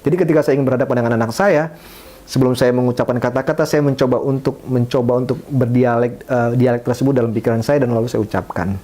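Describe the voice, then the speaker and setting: Mellow-voiced man giving parenting advice. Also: medium pitch, steady tone, fast. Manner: fillers and restarts, acts out example phrases. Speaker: hypnotherapist. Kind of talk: talking-head advice lesson.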